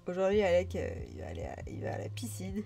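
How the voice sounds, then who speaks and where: A woman's voice: on the low side, huge pitch swings, fast talker, gravelly, dark tone. A young woman from France hosting a live stream, chatting loosely with viewers, full of fillers and restarts. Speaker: livestream host. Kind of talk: casual live chat with viewers.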